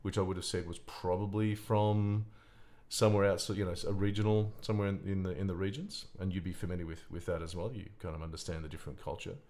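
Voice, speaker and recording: A man with a deep voice telling a personal anecdote in casual conversation, in a halting way with many restarts. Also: flat delivery, a little mellow. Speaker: game design researcher.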